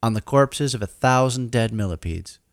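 A man's voice: medium pitch, animated, normal speed, vocal fry, no echo, clean studio sound. A man hosting a storytelling podcast, narrating scripted comic tales in the first person with a wry, mock-solemn, theatrical delivery.

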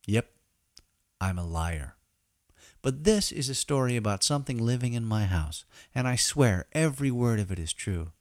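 A man tells scripted comic stories in a low voice that swings freely up and down. His delivery is wry, theatrical and mock-solemn. The recording is dry and close, like a podcast. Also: no room sound. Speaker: podcast host and storyteller. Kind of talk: scripted comic first-person narration.

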